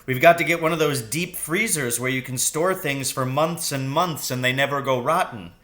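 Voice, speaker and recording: A man's voice: medium pitch, normal speed, pushed and bright, close to an everyday voice. A man voicing an exuberant, boastful, loving father in a children's story, with grand, emphatic declarations. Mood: grandly enthusiastic.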